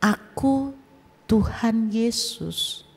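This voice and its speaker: A woman preacher voicing a gentle, loving male divine voice, speaking slowly and softly. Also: a little high, animated, vocal fry, slightly rough, long reverb tail, exaggerated voice. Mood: tender. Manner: slow, soft, drawn-out speech.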